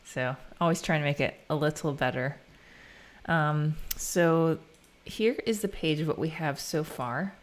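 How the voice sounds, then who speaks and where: An American woman with a low voice speaks at a measured pace while live streaming herself coding. She chats informally and thinks aloud in a relaxed way.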